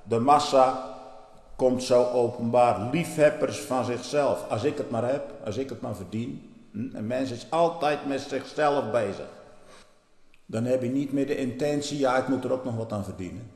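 A male preacher delivering a church sermon in an emphatic, insistent manner. He repeats phrases for stress, builds to loud exhortations and sinks back to quiet asides. His voice rings through a roomy church hall with a long, lingering reverb. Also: moderate pace. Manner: emphatic, swells to loud exhortation then drops low.

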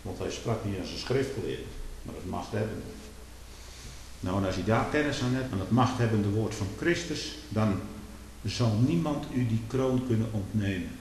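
A man preaching a sermon, fiery, swinging from quiet murmurs to loud outbursts. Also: lowish voice, animated, normal speed, gravelly. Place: church. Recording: echoey church hall with hiss.

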